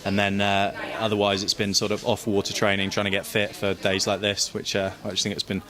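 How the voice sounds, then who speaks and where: A man's voice: on the low side, monotone, a little fast, music in the background. A young man, a sailor being interviewed, chatting in an upbeat, self-deprecating way. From Great Britain. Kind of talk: casual post-race interview.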